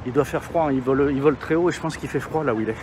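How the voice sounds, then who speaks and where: A man's voice: medium pitch, rapid-fire, darkish tone. Breathless man chatting outdoors over street noise. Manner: informal, slangy, rambling. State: out of breath, panting from walking. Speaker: live streamer. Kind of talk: casual chat to livestream viewers while walking. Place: outdoors, walking in an urban area. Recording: noisy outdoor street sound with traffic.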